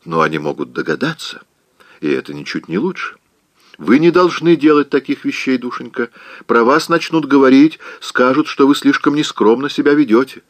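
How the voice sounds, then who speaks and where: A man's voice: medium pitch, expressive, normal speed, no echo, voice pushed up, close to an everyday voice. A man voicing a fussy, tearful older aunt who scolds and frets, in an audiobook reading. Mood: fretful scolding. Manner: scolding, fretful, easily weeping.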